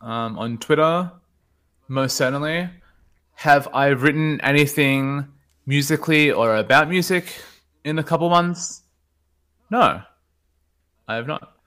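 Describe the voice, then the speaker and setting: A man's voice: fairly high pitch, measured pace, pauses often, fairly bright tone. A man chatting casually as a guest on a podcast.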